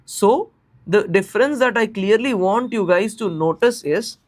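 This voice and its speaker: Male online tutor, Indian accent, notably high voice, conversational explainer who repeats key phrases and asks check questions. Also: a little slow. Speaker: teacher of exam preparation class. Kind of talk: live online lesson, informal explaining.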